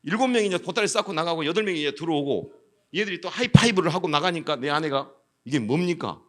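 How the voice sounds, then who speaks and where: A man's voice: on the high side, animated, fast, a bit bright. A middle-aged man giving a lecture as an education official, telling stories and acting out the voices of students and police. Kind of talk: anecdotal lecture with acted dialogue.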